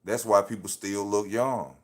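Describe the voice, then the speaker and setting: Speaking in a lowish voice with a steady tone and measured pace, this thirty-something livestream host broadcasts off his phone. His casual motivational talk is slangy, and he repeats points the way a preacher would.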